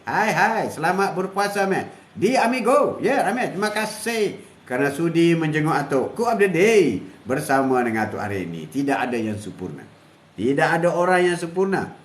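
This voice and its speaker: A man's voice: fairly high pitch, big pitch swings, moderate pace. An older man, hosting a live stream and giving a preachy, repetitive moral talk, chuckling often. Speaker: host. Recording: echoey room.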